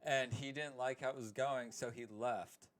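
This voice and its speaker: A man hosts a casual podcast with buddies, his voice sitting at an ordinary middle pitch. He needles his friends, laughs easily and drops curse words without a second thought. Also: fairly even intonation, moderate pace, fairly bright tone. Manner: teasing, laughs often, swears casually. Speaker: podcast host. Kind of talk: casual banter among friends.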